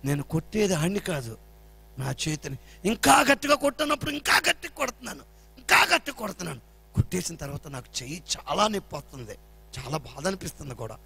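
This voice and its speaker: A male pastor preaching a sermon, telling a family story with animated delivery and acting out the voices. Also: a little high, quick pace, gravelly, slightly rough.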